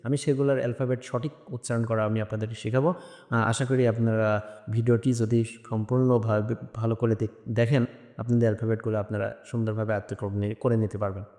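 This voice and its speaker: A man from Bangladesh teaching a lesson, hesitant, with frequent "ah" fillers, repeating sounds slowly. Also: fairly low pitch, little pitch movement, darkish tone. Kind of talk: spoken lesson. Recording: long echoing reverb.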